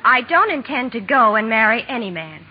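An actress in a 1940s radio drama playing a gentle, proper young eldest sister, romantic but proud. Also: female voice, a little high, very animated, moderate pace, slightly rough. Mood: flustered. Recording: old lo-fi radio recording, music behind.

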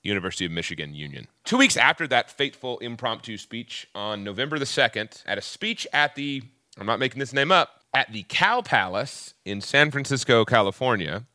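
A man's voice: medium pitch, animated, fairly quick, bright, forceful tone, no echo. A man with a Southern US accent, explaining history in a casual, jokey podcast chat. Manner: jokey, explanatory, punny dad jokes.

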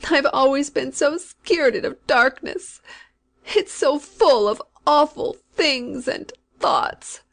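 In a storybook, a woman voices a dying old country woman, speaking slowly and drawn-out in a rough, rustic dialect at medium pitch. The character sounds sinful, scared of the dark and despairing, pleading in anguish yet giving orders like someone used to being obeyed.

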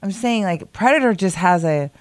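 A woman's voice: medium pitch, animated, moderate pace, dry recording. Chatty American woman on a meeting room mic. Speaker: co-host of a daily video show. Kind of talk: casual chat. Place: hotel conference room.

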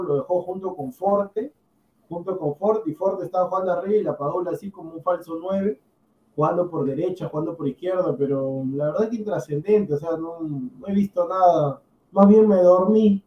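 High-voiced man on a distant, echoey mic. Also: dull audio. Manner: joking, rambling, animated bursts. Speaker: podcast co-host. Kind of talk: casual sports banter.

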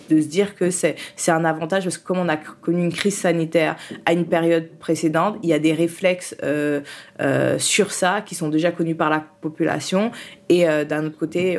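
Thoughtful woman in her thirties. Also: sits low. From France. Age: 30s. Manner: thoughtful, explains at length with frequent pauses. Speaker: guest, author and activist. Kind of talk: podcast interview.

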